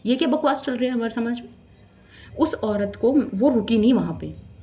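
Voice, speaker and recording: A woman's voice: fairly high pitch, normal speed, mellow. A young woman telling a storytime vlog in a heated, indignant rant. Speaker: vlogger.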